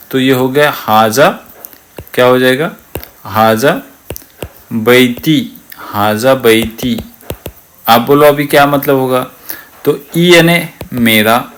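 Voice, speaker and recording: A man's voice: mid-range voice, fairly bright tone. A man teaching Arabic words in an explanatory online lesson, patiently repeating each word and asking the listener to say it back.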